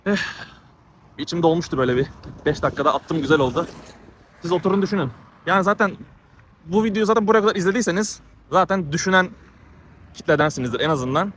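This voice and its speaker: A fairly high-pitched man talks into a handheld camera as he walks down a street, audibly out of breath. He speaks in a heated, ranting way and keeps repeating his points. Clear street noise sits around his voice. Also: expressive, fast, long pauses, fairly bright tone. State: out of breath from walking. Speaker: travel vlogger. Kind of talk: walking vlog monologue. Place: outdoors on town streets. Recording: noisy outdoor street recording.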